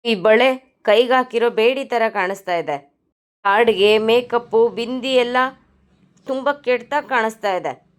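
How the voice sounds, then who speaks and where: A woman's voice: on the high side, measured pace, voice pushed up, lightly acted. A woman voicing an angry young man in a soap recap, harshly accusing and insulting a woman. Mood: mocking.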